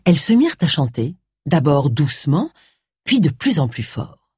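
Husky, expressive woman narrator. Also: low voice, normal speed, no room sound, studio quality. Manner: expressive storytelling. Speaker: audiobook narrator. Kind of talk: audiobook narration.

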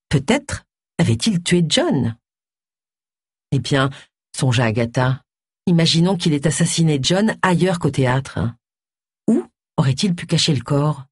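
A woman narrating an audiobook in an expressive, varied reading style. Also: deep voice, husky, no echo, clean studio sound.

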